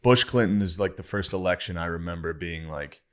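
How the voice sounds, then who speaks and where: A man's voice: sits low, a little fast. A young adult man co-hosting a podcast in casual chat, laid-back, laughing often and swearing casually. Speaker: podcast co-host.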